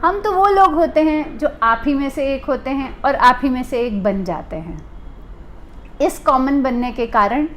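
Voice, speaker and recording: High-pitched indian detective lady explaining stuff slowly to camera, keeps restating her point. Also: lively intonation, a bit bright, a little hiss or hum. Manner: deliberate, restates points for emphasis. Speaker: private detective agency owner.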